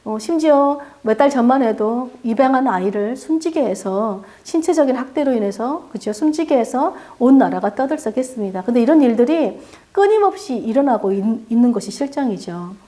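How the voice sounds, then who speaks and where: A woman's voice: a little high, animated, brisk, mellow. A woman pastor preaching a sermon in a church, asking the congregation questions and acting out quoted voices. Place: church sanctuary.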